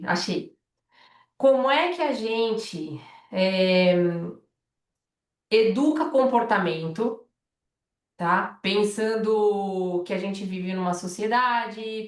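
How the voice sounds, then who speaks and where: Distant echoey woman telling a story. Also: medium pitch. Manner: animated, acts out quoted dialogue. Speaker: podcast guest asking a question. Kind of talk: conversational storytelling.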